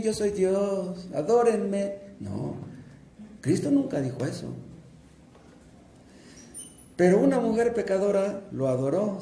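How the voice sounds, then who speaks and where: Mexican pastor preaching, high voice, kinda dark and mellow, echoey church room, faint hum behind. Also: male voice, creaky. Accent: Mexican Spanish. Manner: teaching, asks and answers his own questions. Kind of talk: sermon.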